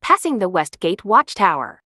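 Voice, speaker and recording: Calm woman narrating a winter hike. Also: fairly low pitch, moderate pace, no echo, studio quality. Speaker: travel vlogger. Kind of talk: scripted travel narration.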